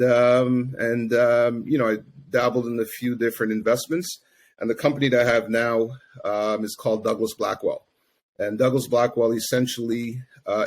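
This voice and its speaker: A middle-aged man from Grenada, a guest in a casual interview, talking easily with many fillers. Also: medium pitch. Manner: easygoing, many fillers like "you know" and "um". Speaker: guest, investment firm founder.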